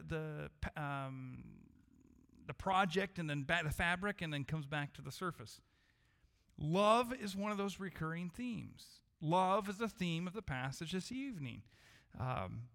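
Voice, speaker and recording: A man with a slightly raised voice preaches to his congregation, earnest and measured, often circling back over his words. His voice rings with the long reverb of a church hall. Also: fairly high pitch, a bit bright. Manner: earnest, measured preaching with frequent restarts and repetitions. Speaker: pastor. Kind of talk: sermon. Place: church sanctuary.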